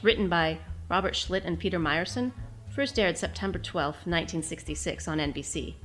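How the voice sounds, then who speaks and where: A woman's voice: on the low side, a bit bright. A woman hosting a podcast, reading her own written episode recap with fond enthusiasm. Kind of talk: scripted reading.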